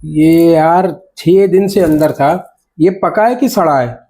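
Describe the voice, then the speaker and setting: Low, dark-voiced woman bantering in a sketch. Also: slow pace. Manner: teasing, whiny bantering. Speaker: comic actress. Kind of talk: comedy sketch.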